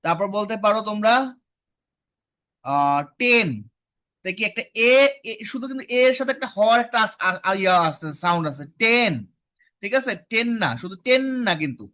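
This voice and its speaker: A woman teaching an online phonetics class, asking students questions and repeating vowel sounds slowly to model them. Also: medium pitch, animated, a bit bright.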